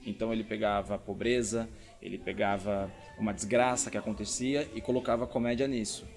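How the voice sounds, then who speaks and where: A man's voice: lowish voice, fairly even intonation, brisk, gravelly, faint music behind. A man with a Brazilian accent, a comedian explaining things casually in an interview, repeating words for emphasis. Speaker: stand-up comedian being interviewed.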